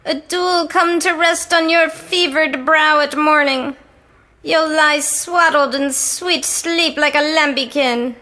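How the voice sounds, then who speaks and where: A woman's voice: sits high, fairly even intonation, slow pace, bright, forceful tone, heavily acted. An actress playing an elderly, weary wife who coaxes and scolds her husband in an audio drama. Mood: coaxing, scolding. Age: older. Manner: pleading, then scolding.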